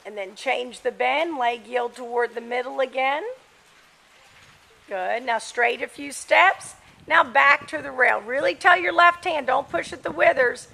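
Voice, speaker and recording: High, creaky woman calling brisk riding commands. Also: bright, forceful tone, low-quality recording. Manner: brisk, projected commands in short clipped phrases. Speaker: horse riding instructor. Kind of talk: live riding lesson coaching. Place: outdoors in a large open-sided covered riding arena.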